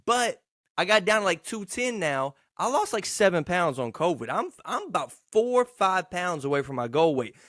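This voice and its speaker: A man's voice: sits high, big pitch swings, moderate pace, fairly bright tone, no echo, clean studio sound. A man, hosting a casual, rambling solo podcast in a profane, slangy, boastful yet self-deprecating way. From Texarkana, United States. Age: 20s. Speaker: podcast host.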